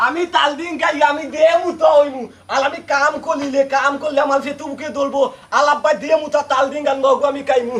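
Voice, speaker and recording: A man's voice: very high-pitched, fairly even intonation, fairly quick, hardly any pauses, a bit bright. A man with a Sylheti accent playing a childish grown son who whines, sobs and pleads for treats in a comedic village drama. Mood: wailing. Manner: wailing, pleading, sobbing demands.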